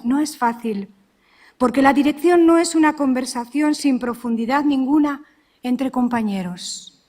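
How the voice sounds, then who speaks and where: Earnest high-voiced religious sister. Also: female voice, darkish tone. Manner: measured, earnest, with rhetorical questions. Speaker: religious sister giving a talk. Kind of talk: reflective spiritual talk.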